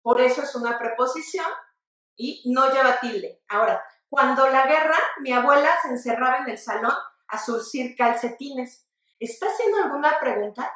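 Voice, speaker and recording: A Mexican woman with a high voice gives an online spelling lesson, coaching viewers to say examples aloud. She sounds set back from the microphone in a very echoey room. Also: far from the mic. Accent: Mexican Spanish. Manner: lively, addresses viewers directly, asks them to repeat aloud. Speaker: spelling teacher. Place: studio set with floor manager.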